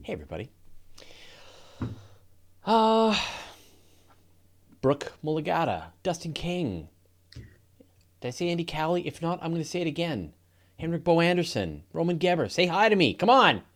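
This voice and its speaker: A man's voice: on the high side, big pitch swings, moderate pace, long pauses. A Canadian man hosting a live podcast in casual, rambling chat, often laughing. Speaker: podcast host.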